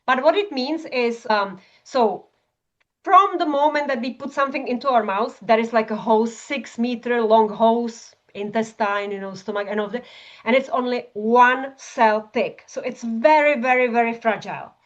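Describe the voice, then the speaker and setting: A woman's voice: a little high, normal speed. A woman from Czechoslovakia, a functional medicine practitioner, explaining passionately in an interview, often ending points with tag questions. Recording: dull lo-fi audio.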